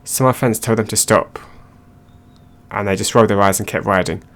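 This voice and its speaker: Male narrator, lowish voice, steady read-aloud delivery of online stories. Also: fairly quick.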